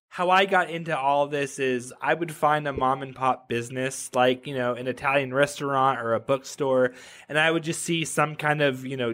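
A man's voice: mid-range voice, a bit bright. A man in his thirties, a podcast guest talking loosely and casually, full of "like" and "right?" asides, over a video call. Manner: loose and chatty, heavy use of "like" and "right?". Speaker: podcast guest, web developer. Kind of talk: casual interview chat.

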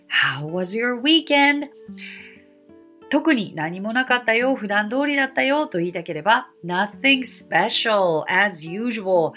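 A woman's voice: medium pitch, fairly bright tone. Polite Japanese woman teaching English phrases. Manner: polite, chatty, repeats English phrases slowly for practice. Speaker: podcast host and English teacher. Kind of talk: podcast talk answering listener mail and teaching phrases.

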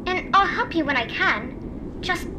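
Firm bossy adult lady, high voice, scolds a lot. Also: lively intonation, unhurried. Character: stern adult authority figure.

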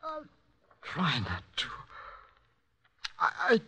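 An actor playing a weak, dying male prisoner who speaks in a breathy, strained voice in a radio drama. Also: sits high, wildly swooping pitch, slow pace, pushed and bright, heavily acted. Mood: feeble.

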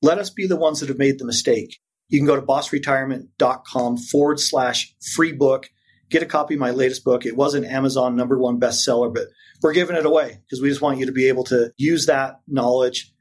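A man's voice: mid-range voice, fairly even intonation, a little fast, husky. A man talking conversationally as an interview guest on a podcast.

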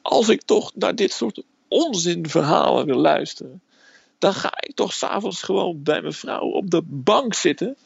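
Guy doing a stern army sergeant barking orders, gravelly, dull lo-fi sound. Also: medium pitch, lively intonation, moderate pace, dry recording.

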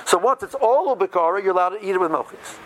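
A man's voice: sits high, lively intonation, quick pace, fairly bright tone. A man giving an informal religious lesson, talking through everyday examples and checking in with short questions. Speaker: religious law teacher.

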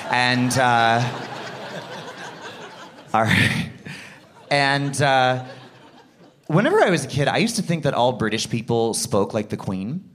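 Animated Canadian man doing stand-up. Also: mid-range voice, slow pace, pauses often. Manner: animated, does mock voices, laughs often. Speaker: stand-up comedian. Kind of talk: stand-up comedy set. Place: live comedy stage with audience.

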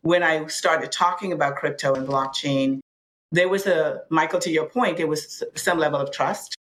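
A woman from the Bahamas speaking as a panel guest, earnest and measured, often restarting her sentences. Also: low-pitched, a bit bright, poor audio. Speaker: panel guest, finance and blockchain official. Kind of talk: reflective panel answer.

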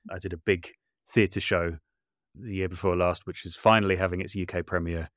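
Speaking briskly in a low-pitched, fairly even voice, this man appears as a podcast interview guest; he's a composer and voice artist. Clean studio audio, no room sound. His manner is casual and chatty, with self-mockery and hesitant false starts as he keeps restarting sentences.

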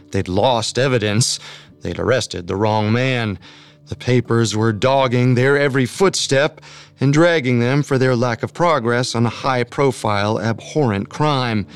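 A man narrating a true crime podcast in a measured, dramatic scripted style. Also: medium pitch.

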